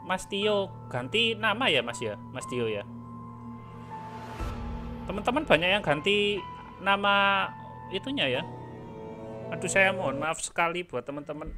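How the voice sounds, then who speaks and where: A man streaming a horror game live, chatty and apologetic, breaking into startled shouts. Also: high voice. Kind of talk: live gameplay commentary. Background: game music.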